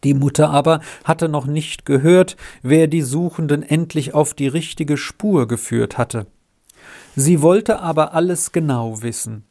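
Slow, gravelly male storyteller. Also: on the high side, warm tone. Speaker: audiobook reader. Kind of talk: scripted narration.

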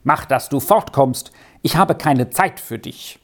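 A woman's voice: rumbling low, unhurried, exaggerated voice. A woman voicing an angry middle-aged farm wife who scolds sharply. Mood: dismissive.

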